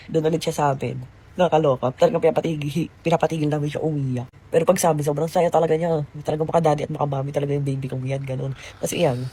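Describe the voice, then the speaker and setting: Fast-talking chatty young woman vlogger. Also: low voice, warm tone, slight background noise. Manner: chatty, rambling, full of fillers. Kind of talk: casual storytelling vlog. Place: hotel room.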